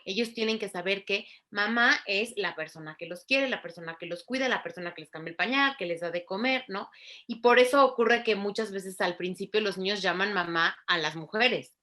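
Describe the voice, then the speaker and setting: Woman, speech therapist, bright tone, patient teacherly explainer. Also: medium pitch. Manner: clear, didactic, spells out sounds slowly. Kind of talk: explaining in an interview.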